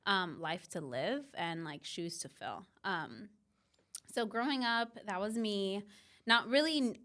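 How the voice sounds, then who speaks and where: A young Mexican woman who founded a business is a guest on a podcast, reflecting on her life casually with plenty of fillers. Her mid-range voice is animated and fairly bright, and she takes it slowly.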